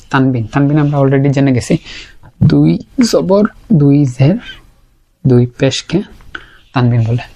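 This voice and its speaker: A man with a Bangladeshi Bengali accent and a warm, mid-range voice gives a Quran pronunciation lesson. He explains patiently, repeating each sound to demonstrate it.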